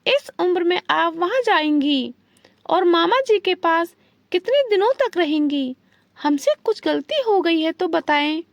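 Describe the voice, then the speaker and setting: A woman voicing a patient, gentle young daughter-in-law in a read-aloud story, soothing in a plain reading voice. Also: very high voice, lively intonation, a little slow, no room sound, heavily acted. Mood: concerned.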